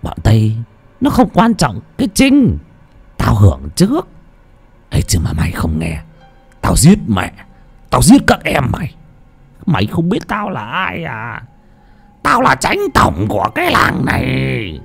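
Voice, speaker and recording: A man doing a gruff, lecherous old village chief. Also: huge pitch swings, unhurried, pauses often, soft background music, full character voice. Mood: menacing. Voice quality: gruff, booming. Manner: slurred, wheezing, threatening.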